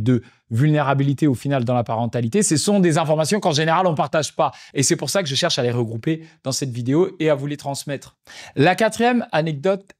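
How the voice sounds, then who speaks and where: A man's voice: on the high side, a little mellow. A man hosting a podcast, telling stories of fatherhood in a reflective, casual way, repeating phrases for emphasis. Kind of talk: casual storytelling monologue.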